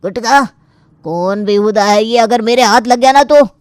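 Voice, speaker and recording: A woman's voice: a little high, moderate pace, darkish tone, clean tone, no echo, studio quality, lightly acted. Woman voicing an angry neighbor man. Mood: indignant. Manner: indignant, suspicious.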